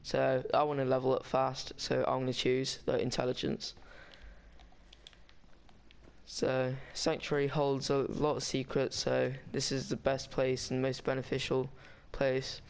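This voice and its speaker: A man's voice: medium pitch, monotone, normal speed, vocal fry, hardly any pauses, clear, resonant tone. A man talking casually over a game walkthrough, rambling and chatty with frequent restarts. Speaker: gaming guide maker.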